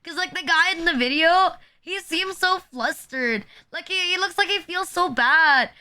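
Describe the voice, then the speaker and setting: A woman's voice: extremely high pitch, a little slow, bright, forceful tone. A young woman streaming live, chatting casually and bluntly, rambling with lots of "like" and crude jokes. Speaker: VTuber streamer.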